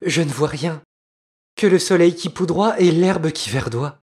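A man voicing a young sister keeping watch from a tower in a storybook reading, calling out in a high falsetto. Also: measured pace, a little mellow, reverberant, lightly acted.

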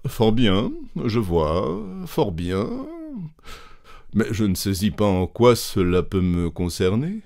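A composed, courteous company director, read by a male narrator, speaks in a sonorous, lively-pitched voice. He takes his time over every word. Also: slow pace, full character voice. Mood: polite.

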